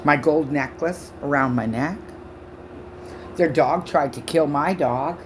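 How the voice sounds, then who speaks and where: A Canadian woman in her sixties shouts a profane, accusatory rant to camera on her own vlog channel. Her loud, low voice halts at times because of her false teeth. The background is noisy.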